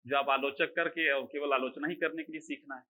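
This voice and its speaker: A man with a slightly high, steady, bright and pushed voice speaks a little fast while teaching an online exam-prep class, heard through a low-quality recording. He poses rhetorical questions and answers them himself, frequently checking that his students are keeping up.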